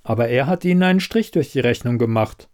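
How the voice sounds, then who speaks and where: A man voicing an impatient, sharp-tongued woman investigator in a read-aloud story, with curt, pointed questions. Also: mid-range voice, lively intonation, fast talker, close to an everyday voice. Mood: cool, clipped.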